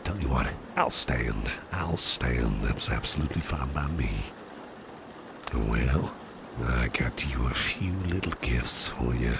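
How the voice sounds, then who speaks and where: A man acts out a protective gentleman boss in an ASMR roleplay, with an extremely low, gravelly voice. He speaks slowly and softly, often close to a whisper, reassuring and courteous, over clearly audible background ambience. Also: expressive, background noise, full character voice. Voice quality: very deep, gravelly, often breathy and near-whispered. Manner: gentle, reassuring, unhurried, repeats phrases softly. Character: Grimwald, caring protective businessman boss with magical travel tricks. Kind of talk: ASMR roleplay, soft personal attention.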